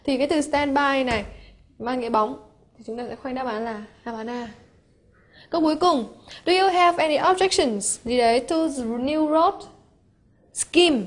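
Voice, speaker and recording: High-voiced Hanoi woman teaching English grammar. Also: moderate pace. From Vietnam. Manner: explains step by step, asks rhetorical checks. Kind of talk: exam-prep grammar lesson.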